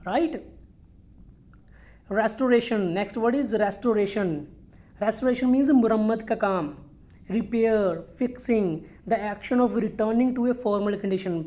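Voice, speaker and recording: A woman's voice: fairly high pitch, warm tone. A woman teaching English vocabulary for a test, explaining words in Hindi mixed with English, repeating each one for pronunciation and checking in with "okay?". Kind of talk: vocabulary lesson for test prep.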